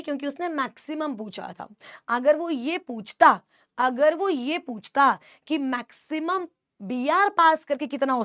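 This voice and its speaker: A woman's voice: high voice, a bit bright, dry recording, clean studio sound. A young woman teaching a live online class, mixing Hindi and English, affectionate yet scolding as she answers student doubts.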